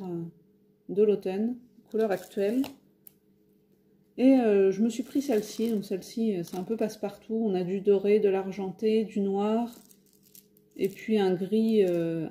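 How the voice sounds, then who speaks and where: A woman's voice: mid-range voice, warm tone. French woman chatting through a craft haul. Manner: hesitant, many fillers and restarts. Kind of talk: casual haul video talk. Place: home, near a window.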